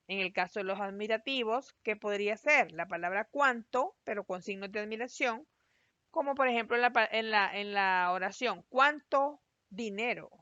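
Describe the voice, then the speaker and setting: A woman teacher giving a recorded class, explaining patiently and spelling out syllables slowly. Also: mid-range voice, fairly bright tone, dry recording. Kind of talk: recorded online class lesson. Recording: dry, slightly dull lo-fi voice-over.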